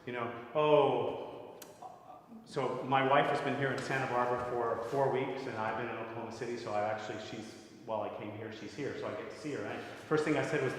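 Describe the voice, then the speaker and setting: A man's voice: medium pitch, steady tone, fast talker, few pauses. Man teaching voice in an echoey hall. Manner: conversational, often checks in with "right?". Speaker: voice teacher leading a masterclass. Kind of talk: masterclass teaching. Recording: echoey hall with long reverb, faint noise.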